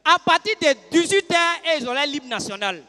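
A stand-up comedian tells his story in an animated, chatty way. His voice is high, bright and lively, and it jumps around in pitch. A long hall reverb trails behind him. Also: moderate pace.

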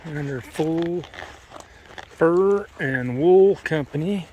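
Slow, musing man touring outdoors. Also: fairly high pitch, a little hiss or hum. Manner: relaxed, musing, easily amused. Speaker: travel vlogger. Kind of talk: casual walking commentary. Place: outdoor historic village. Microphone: handheld camera.

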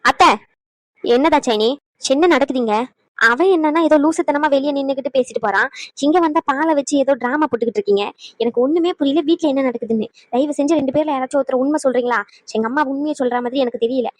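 A woman's voice: high voice, fast, no echo, close to an everyday voice. Woman voicing a demanding suspicious young wife. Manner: demanding, pressing questions.

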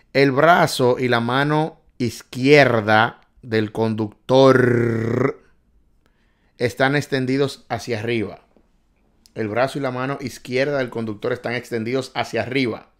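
Excitable man hosting a live quiz. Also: mid-range voice. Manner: excitable, reads out viewers' answers, jokes and scolds. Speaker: livestream host quizzing viewers on driving test. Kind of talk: casual live quiz stream.

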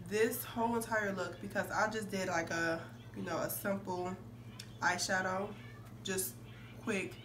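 A young adult woman, working as a beauty vlogger, chats casually and emphatically to camera in a lowish voice that's somewhat hoarse and congested from a cold, and she clears her throat. She's in an indoor room with curtains, recorded by a phone facing her a few feet away, so the audio is distant and the room noisy.

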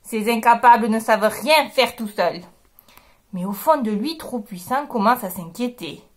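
A woman hosting a reading workshop, reading a children's picture book aloud with expressive, drawn-out storytelling. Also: fairly high pitch.

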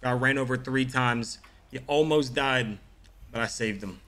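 A man streaming a role-play game, loud and frantic when he pleads for help, laid-back in casual chat. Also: medium pitch, a little slow. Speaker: streamer playing a good samaritan character. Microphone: desk mic with webcam.

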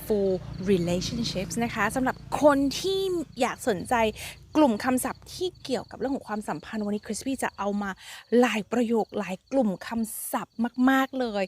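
A woman teaching English vocabulary on a live stream, chatty and upbeat, mixing English and Thai. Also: fairly high pitch. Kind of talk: live-streamed language lesson.

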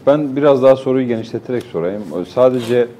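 A man's voice: mid-range voice, fairly even intonation, fast, mellow, a little hiss or hum. A man hosting a sports talk show, asking short probing questions in a studio. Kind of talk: studio interview. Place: local TV studio.

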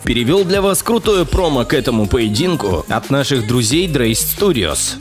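Male channel host, upbeat promo voice-over, animated intonation, loud backing music. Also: medium pitch, moderate pace. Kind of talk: energetic voice-over presentation.

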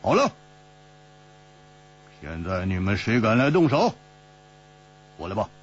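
A man's voice: on the low side, sing-song, slow, husky, voice pushed down, exaggerated voice. A man voicing a bold, jovial swordsman who laughs and teases his captors, in pingshu storytelling style. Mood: mocking bravado. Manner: laughing, teasing storyteller's character voice. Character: bold, jovial male swordsman, boastful and mocking. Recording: dull lo-fi recording with mains hum.

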